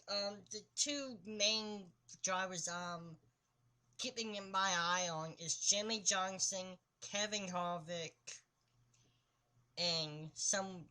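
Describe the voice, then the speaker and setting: A woman chats casually about sports in short, simple remarks. She speaks slowly, with a bright, forward voice. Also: fairly low pitch, fairly even intonation. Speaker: sports talk show co-host.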